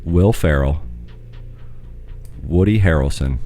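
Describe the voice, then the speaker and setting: A man with a very low, deep voice hosts a podcast quiz in loose, joking banter. He coaxes and teases his contestant, swearing casually as he reads each question. Faint music plays behind him. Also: slow pace, warm tone. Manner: teasing, coaxing, swears casually. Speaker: podcast host running a trivia quiz.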